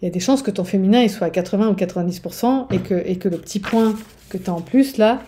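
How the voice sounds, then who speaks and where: Mellow-voiced woman coach, chatty. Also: medium pitch, fast talker, a little hiss or hum. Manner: chatty, keeps checking in with "ok?"; digressive, with restarts. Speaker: spiritual relationship coach. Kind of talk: casual teaching monologue.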